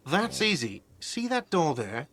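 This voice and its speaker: A man's voice: fairly high pitch, sing-song, a little slow, fairly bright tone, slight background noise. A man doing a fed-up, sarcastic bartender. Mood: irritated. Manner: exasperated, sarcastic. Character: irritable, impatient male bartender, middle-aged.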